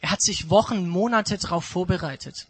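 Husky high-voiced male preacher. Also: rough recording. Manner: emphatic, dramatic retelling with pauses. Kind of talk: sermon storytelling.

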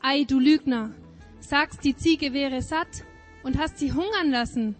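A stern old tailor from a fairy tale, as a woman reader voices him. He asks slow, demanding questions in a high voice, quick to indignation. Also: faint music behind. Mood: angry.

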